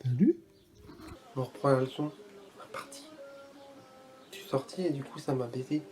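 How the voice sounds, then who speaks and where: A man's voice: medium pitch, moderate pace, darkish tone, soft background music. A man chatting casually in a vlog while learning Portuguese, playful and jokingly boastful, repeating foreign phrases as he tries them out.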